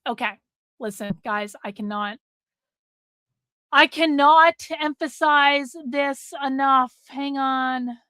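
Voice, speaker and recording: A high female voice with fairly even intonation, slow and sharp-toned, comes through a dry recording. The speaker, a middle-aged livestream host, talks casually and bluntly to her chat, swearing freely and repeating herself for emphasis while her voice gives out.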